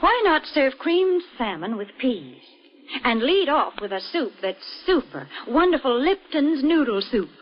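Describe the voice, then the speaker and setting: A woman reading a bright, persuasive sales pitch as the commercial announcer of a 1940s radio broadcast, with an old radio broadcast sound. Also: very animated, unhurried. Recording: dull lo-fi 1940s radio recording.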